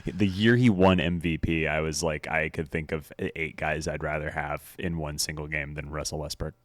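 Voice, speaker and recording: A man's voice: rumbling low, steady tone, moderate pace, dry recording. A young man co-hosting a sports podcast in casual chat, with dry, wry humor. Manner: dry, wry jokes with frequent laughs. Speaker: podcast co-host.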